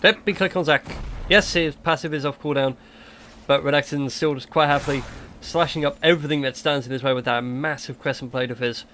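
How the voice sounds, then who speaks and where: A man doing chatty play-by-play commentary on a video game match, quick and joking. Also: on the high side, fairly even intonation, sharp tone, slight background noise. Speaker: game caster.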